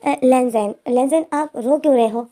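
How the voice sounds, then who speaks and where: A woman voicing a shy, clumsy young man in a retold romance story, speaking softly and gently. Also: sits high, normal speed, natural voice. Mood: gentle.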